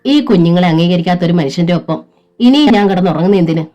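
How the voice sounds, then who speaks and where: A woman voicing a wronged young wife and mother who speaks quietly but firmly. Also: on the low side, expressive, fast, close to an everyday voice. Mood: defiant. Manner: quiet, firm.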